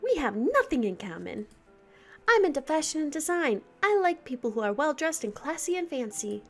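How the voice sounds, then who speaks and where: A woman's voice: sits high, big pitch swings, normal speed, faint music behind. A woman voicing an emotional, lovesick young woman who wavers between tears and self-mockery. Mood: resolved.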